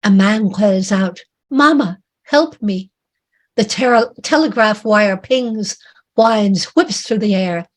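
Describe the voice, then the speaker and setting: Woman, author reading her story, measured, vivid, unhurried delivery, mid-range voice. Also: mid-range voice. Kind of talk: dramatic fiction reading.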